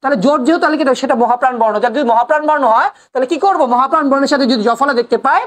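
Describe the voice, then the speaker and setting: A woman teacher explains a grammar rule in a high, bright voice. She talks fast and keeps asking the class questions, then answers them herself. She repeats each rule several times so it sticks. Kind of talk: classroom lesson on pronunciation.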